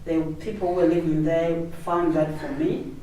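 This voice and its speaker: A woman from Zimbabwe, a cooperative resident, explaining her story in a measured way in an interview. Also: low voice, steady tone, dark tone. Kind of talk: interview, recounting. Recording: echoey room from far off, faint noise.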